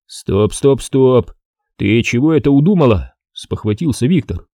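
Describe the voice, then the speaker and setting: A man voicing a gruff, impatient middle-aged police chief who talks in slang, in an audiobook. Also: mid-range voice, animated, unhurried, dark tone, no room sound, clean studio sound.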